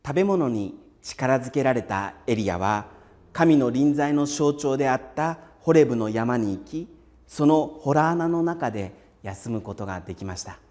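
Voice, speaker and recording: A man preaching a calm, measured sermon in a steady voice, sometimes dropping to a hushed whisper. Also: mid-range voice, in a large hall. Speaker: pastor.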